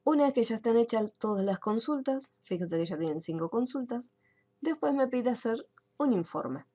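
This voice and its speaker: A woman's voice: a little high, expressive, normal speed, warm tone. A woman teaching an online computer class, explaining each step and checking in with her students. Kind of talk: screen-share software tutorial.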